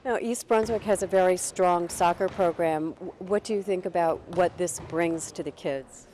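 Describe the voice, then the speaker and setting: A woman's voice: fairly low pitch, normal speed, mellow, a little hiss or hum. A woman hosting a community cable TV show who asks short, polite interview questions. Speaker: community TV host. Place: indoor futsal facility.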